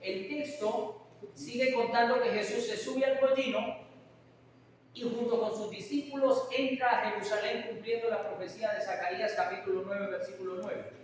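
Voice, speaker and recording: A man's voice: sits high, fairly even intonation, normal speed. A man preaching a sermon, often putting questions to his congregation. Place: church hall. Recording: echoey hall from far off, faint hiss.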